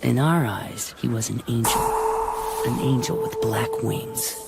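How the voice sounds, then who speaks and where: A man's voice: mid-range voice, a little slow, creaky, loud music behind the voice. A man voicing a solemn, reverent young man in an English anime dub.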